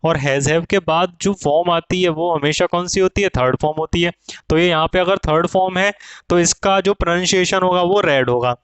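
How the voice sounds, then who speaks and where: A man's voice: high voice, moderate pace, clean tone, no echo, poor audio. A man teaching grammar to students, asking questions and answering them himself.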